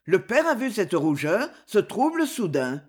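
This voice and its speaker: A woman narrating a classic novel for an audiobook in an expressive, theatrical manner. She reads slowly and deliberately, her melody rising and falling with lively variety. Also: mid-range voice, slightly rough.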